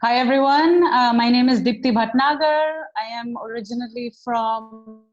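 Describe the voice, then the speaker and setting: A woman's voice: on the high side, moderate pace, soft background music. Woman from India on a dull call line. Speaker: panelist, program coordinator. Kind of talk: online panel introduction. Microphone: video call.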